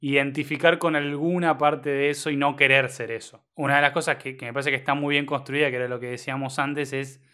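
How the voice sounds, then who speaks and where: A man discussing a film in a thoughtful, halting way. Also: mid-range voice, level tone, sharp tone, clean tone. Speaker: podcast film critic.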